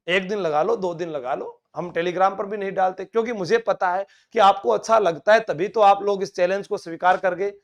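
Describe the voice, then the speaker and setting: High-voiced Rajasthani man teaching a class. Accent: Rajasthani, Bagri. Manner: chatty, coaxing, mixes in local dialect. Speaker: exam coaching teacher. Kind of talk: live online class.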